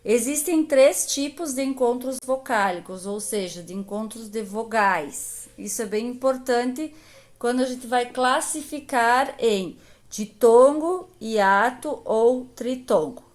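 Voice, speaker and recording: Brazilian woman teacher for a kids' lesson, slow and patient, a touch high. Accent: Brazilian Portuguese. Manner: slow, patient, stretches out example words. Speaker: primary school teacher. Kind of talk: recorded grammar lesson.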